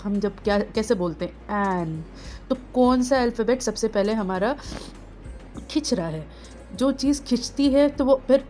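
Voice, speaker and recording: Woman slowly sounding out letters. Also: a little high, lively intonation, a little mellow, faint music behind. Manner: slow, drawn-out sounding of letters. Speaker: phonics teacher for parents. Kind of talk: home phonics lesson.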